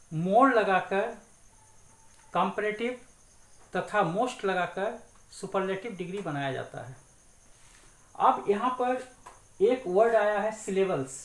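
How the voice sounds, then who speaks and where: A woman teacher giving a grammar lesson, speaking slowly and deliberately and repeating words to break them into syllables. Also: medium pitch. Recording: echoey room.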